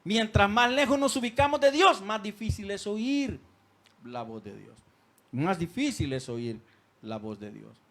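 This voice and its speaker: A male pastor preaching a sermon in a church on a handheld microphone, swinging from loud calls to quiet asides. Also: high-pitched, very animated, measured pace.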